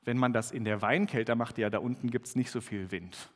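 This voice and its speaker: A man reads scripture and then preaches, turning to a plain, explanatory, conversational delivery with the odd restart. His mid-pitched voice fills a church, where a long reverb trails each phrase. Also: a little fast. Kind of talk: scripture reading and sermon.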